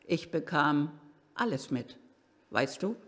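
Slow, expressive male reader in an echoing hall. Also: a little high. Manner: slow and expressive, with swings into excited outbursts. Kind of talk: live first-person literary reading. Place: old gatehouse at a historic cemetery. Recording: reverberant hall.

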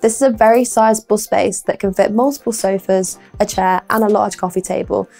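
Woman presenting a house tour, slightly creaky voice. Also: medium pitch, steady tone, a little fast, mellow, faint music behind. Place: indoor rooms of a furnished house. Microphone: lapel mic.

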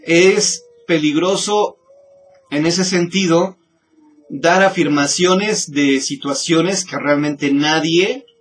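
A Mexican man hosting a show, telling legends in a musing, halting way with frequent restarts. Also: on the high side. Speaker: host. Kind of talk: storytelling commentary.

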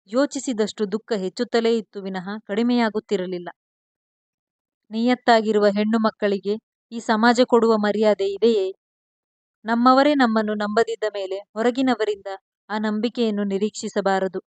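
Woman calmly narrating a story, dry sound. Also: mid-range voice, dry recording. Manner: measured, expressive storytelling. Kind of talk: scripted narration of a serial love story.

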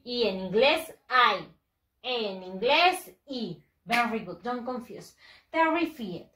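A woman teaching English to young learners, switching between English and as she goes. Her voice is bright and fairly high, and she speaks slowly, drawing out each word she wants the children to repeat. The recording carries a noticeable room echo. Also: lively intonation, a little hiss or hum. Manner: slow, drawn-out model pronunciations and spelled letters. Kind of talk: bilingual English lesson for children.

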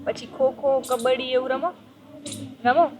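A woman's voice: high voice, fairly even intonation, unhurried, crowd noise. A woman reporter interviewing schoolgirls on location outside a school, asking playful, teasing questions.

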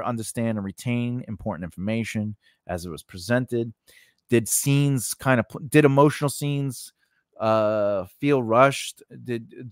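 A medium-pitched man in his forties gives a casual screenwriting lesson in a dry recording. He speaks close into a boom-arm large condenser mic in a small home studio, and his rambling, conversational style keeps returning to "you know" and "right?"

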